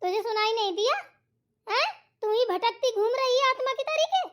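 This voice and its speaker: Brief: scolding elderly cartoon mother-in-law, lowered but still high voice, slow drawn-out threats, put on by a woman. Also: lively intonation, a bit bright.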